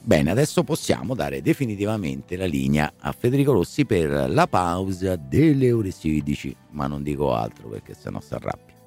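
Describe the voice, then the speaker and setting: A man's voice: low-pitched, sing-song, normal speed, darkish tone, faint music behind. A man hosting live sports talk radio, theatrical in delivery, repeating words and phrases for emphasis. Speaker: radio host.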